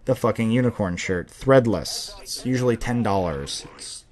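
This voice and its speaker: A man's voice: lowish voice, animated, moderate pace, darkish tone. A young man in his twenties hosting a casual Q&A, rambling and swearing freely as he answers viewer questions. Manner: rambling, profane, self-deprecating ranting. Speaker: host of a viewer Q&A show.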